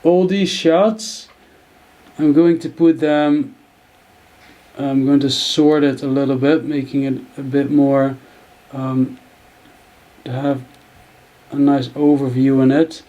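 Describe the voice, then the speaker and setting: Slow, mellow man thinking aloud. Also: mid-range voice, flat delivery. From Netherlands. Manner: thinking aloud, halting, many fillers. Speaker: video editing tutor. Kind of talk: screen-recorded tutorial narration.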